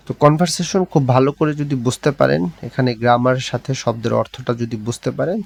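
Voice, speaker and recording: A man with a gravelly, slightly creaky voice walks through a textbook lesson. He explains patiently and step by step, slowing down to read out each word, at a mid pitch. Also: a little mellow. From Bangladesh. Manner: patient step-by-step explanation, reads words out slowly. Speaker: Korean language teacher.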